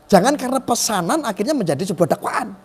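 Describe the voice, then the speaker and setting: A man's voice: sits high, lively intonation, quick pace, breathy edge, long reverb tail. A middle-aged man giving emphatic live-stream commentary, asking rhetorical questions and acting out quoted voices.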